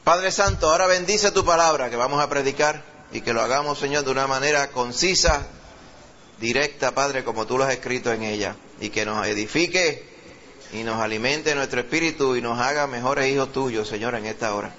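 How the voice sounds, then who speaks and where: Bright-voiced Puerto Rican pastor preaching. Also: male voice, medium pitch, dull audio, a little hiss or hum. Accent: Puerto Rican Spanish. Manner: fervent, reads scripture slowly with rising emphasis; pleading prayer with repeated "Señor" and "Padre". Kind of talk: sermon with scripture reading and prayer.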